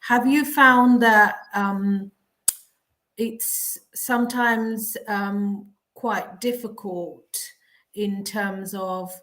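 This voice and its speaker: A woman's voice: medium pitch, fairly even intonation, very slow, fairly bright tone. A woman hosting an online conversation, asking questions in an encouraging, hesitant way full of ums and restarts over a video call. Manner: encouraging, hesitant with many fillers. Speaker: host. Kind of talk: casual interview questions.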